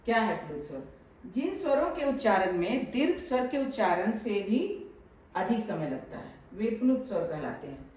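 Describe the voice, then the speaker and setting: A woman teaching a grammar lesson to children, patient and repeating phrases slowly, often checking whether they understood. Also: medium pitch, sing-song, a little mellow, heavy reverb, distant mic, rough recording. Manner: asks pupils if they understood.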